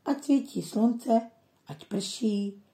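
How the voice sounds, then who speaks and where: A woman voicing a kindly old grandfather in a storybook reading, gentle and teaching. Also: on the high side, echoey room, pitched above the performer's own voice, lightly acted. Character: kindly old grandfather telling children stories.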